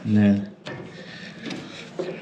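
A man's voice: drawn-out words, muffled recording, heavy background noise. A man, a plumber chatting and explaining as he works, a little self-mocking. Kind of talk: work vlog narration. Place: living room in a house, indoors.

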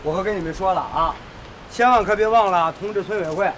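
An actor playing a busybody villager who jumps in eagerly and jokes around. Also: male voice, high voice, brisk, a bit bright, low-quality recording. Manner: eager, meddling, jokey. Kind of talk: TV drama acting.

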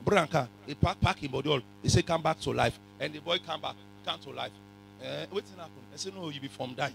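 A man with a West African accent preaching a sermon in a raspy voice, forcefully repeating phrases and questioning his congregation, sometimes in pidgin. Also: on the high side, brisk, slight background noise, rough recording. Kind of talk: animated sermon, code-switching into pidgin. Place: church hall full of congregation.

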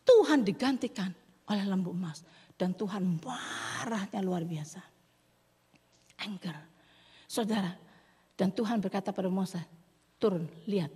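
A woman's voice: mid-range voice, a little slow, long pauses, darkish tone, breathy edge. A woman preacher giving a dramatic sermon that slips into English words and drops to whispers for emphasis, recorded in a church hall. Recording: long church hall reverb.

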